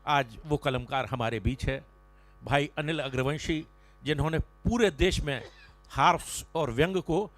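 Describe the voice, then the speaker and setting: A man's voice: a little high, fairly bright tone. A man compering a poetry gathering, introducing the next poet in formal, declamatory Hindi and reciting verse.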